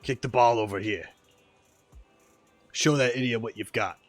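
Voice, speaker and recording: A man's voice: medium pitch, moderate pace, faint music behind, voice pushed down, natural voice. A man voicing a blustering male robot soccer coach who scolds and insults his player. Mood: bossy. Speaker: streamer reading game dialogue aloud. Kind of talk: voice acting game dialogue on stream.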